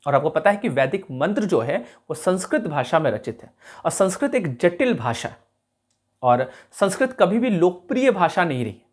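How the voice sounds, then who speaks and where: Lively male teacher explaining slowly. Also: high-pitched. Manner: explanatory, asks the class checking questions; stresses and repeats key sounds slowly. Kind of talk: classroom lecture.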